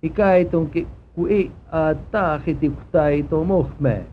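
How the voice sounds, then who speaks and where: A man reading a scripture passage aloud in a steady, measured cadence. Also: fairly high pitch, narrow, tinny audio, slight background noise. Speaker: scripture reader.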